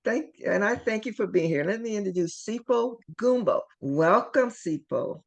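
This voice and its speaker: A woman's voice: medium pitch, lively intonation, moderate pace, creaky. A woman from Ohio hosting an interview, affirming her guest and laughing along. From Dayton, Ohio. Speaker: host.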